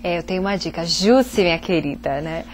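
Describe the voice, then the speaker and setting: A woman's voice: lowish voice, lively intonation, brisk. Woman, finance guest; patient and explanatory, faint studio hum. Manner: patient, explanatory, many fillers. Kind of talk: advice on a TV talk show.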